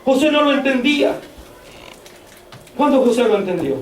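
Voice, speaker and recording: A male pastor preaching a fervent sermon in a church, often raising his voice to a shout. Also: very high-pitched, expressive, moderate pace. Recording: echoey church from far off, faint noise.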